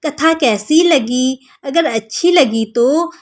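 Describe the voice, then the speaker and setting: A woman narrating a devotional story in a measured storytelling manner. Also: high-pitched.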